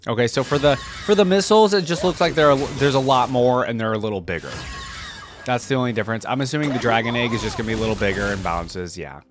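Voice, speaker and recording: Music and game audio accompany a fast-talking young man of medium pitch who serves as a reaction host. His running commentary is casual, full of spoken-aloud thoughts and abrupt exclamations.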